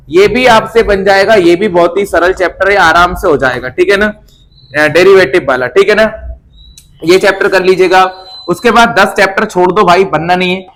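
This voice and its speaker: A man's voice: high-pitched, a bit bright. A male teacher giving exam preparation advice to students in an informal, reassuring way, often repeating himself and checking in with "है ना".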